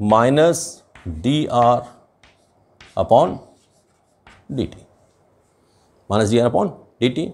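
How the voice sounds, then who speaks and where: A man's voice: mid-range voice, a little mellow. An older man with an Indian accent, teaching a chemistry lesson at a board and switching between Hindi and English. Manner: slow, deliberate, mixes Hindi and English. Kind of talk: explaining at a board.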